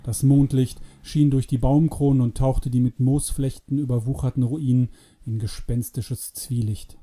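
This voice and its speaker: A man narrating an adventure story in a calm, measured audiobook reading. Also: medium pitch.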